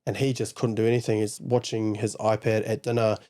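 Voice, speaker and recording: A man's voice: fairly low pitch, level tone, fairly quick, dark tone. A man in his twenties with a New Zealand accent, telling stories bluntly and swearing in a casual podcast chat. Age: 20s. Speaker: podcast co-host and father.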